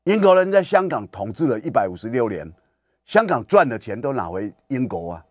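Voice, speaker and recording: A man's voice: mid-range voice, big pitch swings, brisk, no room sound, studio quality. A man hosting political commentary on the radio, lecturing emphatically and firing rhetorical questions at his listeners. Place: radio studio.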